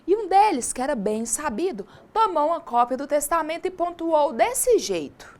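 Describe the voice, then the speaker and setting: Woman teacher for an online lesson; high, very animated voice, chatty, questions the class. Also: moderate pace.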